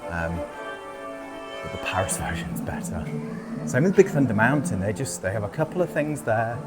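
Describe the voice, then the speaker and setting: A man's voice: fairly low pitch, big pitch swings, moderate pace. Man, casual vlog chat, upbeat and self-mocking, outdoors in a rainy theme park, park music in the background.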